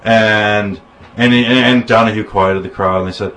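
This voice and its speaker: A man's voice: fairly low pitch, fairly even intonation, a little slow, rough recording. A man from the United States in casual conversation, telling anecdotes in a rambling way with restarts and quoted dialogue.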